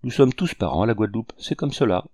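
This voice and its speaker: A man's voice: on the low side, animated, fast talker, a little mellow, no room sound, clean studio sound. A man voicing a jovial Creole general in his thirties bringing urgent news.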